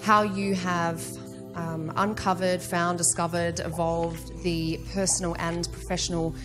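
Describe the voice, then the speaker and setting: Upbeat woman host, lowish voice. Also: little pitch movement, unhurried, music in the background. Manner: upbeat, enthusiastic, jokey. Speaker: podcast host. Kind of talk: casual interview chat. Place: studio with neon-lit backdrop. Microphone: studio mic on boom arm.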